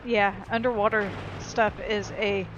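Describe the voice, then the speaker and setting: A game streamer gives casual, rambling commentary explaining how a game works, with game music and sound effects behind her. Her medium-pitched voice is fairly even and a little slow, with a lo-fi sound.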